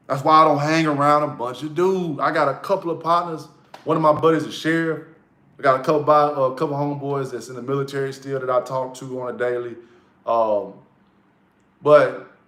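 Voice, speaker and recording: A man's voice: mid-range voice, a bit bright. Blunt, profane man in an echoey room. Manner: blunt, profane, repeats key lines for emphasis. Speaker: motivational vlogger. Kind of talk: casual motivational monologue.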